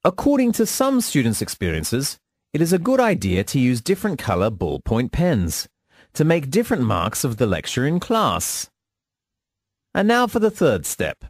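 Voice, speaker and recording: A man delivering a scripted instructional monologue in a measured, formal teaching manner. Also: medium pitch, huge pitch swings, dry recording, studio quality. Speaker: lecturer.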